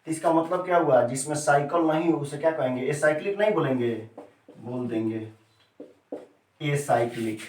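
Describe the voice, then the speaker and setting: A man's voice: fairly high pitch, moderate pace, a little mellow. A male chemistry teacher giving a classroom lesson who repeats key terms and keeps quizzing his students with questions. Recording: echoey room, mic set far off.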